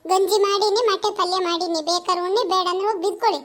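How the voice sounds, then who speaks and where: Picture a fed-up village wife who grumbles and scolds nonstop. Her voice sits very high and shrill. It is played broadly for a comedy skit. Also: fairly even intonation, rapid-fire. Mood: angry scolding.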